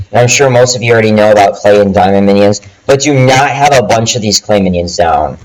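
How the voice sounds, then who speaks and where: A man casually hosting a game tutorial, chatting with ums and restarts, recorded on a cheap low-quality headset microphone at home. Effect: low quality microphone audio. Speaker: gaming video host. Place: home, dogs nearby.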